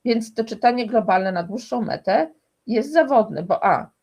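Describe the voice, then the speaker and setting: A woman's voice: on the high side, animated, a little slow, a little mellow. Emphatic woman explaining with many restarts. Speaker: guest expert on dyslexia. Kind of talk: conversational interview.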